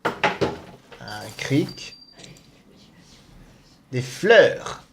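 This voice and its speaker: A man's voice: medium pitch, big pitch swings, very slow, creaky, a bit bright, slight background noise. A man giving casual, playful commentary as he plays a video game, exclaiming and muttering to himself. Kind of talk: casual let's-play commentary.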